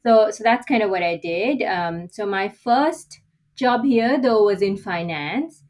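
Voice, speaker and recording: A middle-aged Sri Lankan woman, appearing as a guest executive coach, answers interview questions candidly and reflectively, often closing a point with "right?". Her medium-pitched voice has a darkish tone and lively intonation, and she speaks a little slowly.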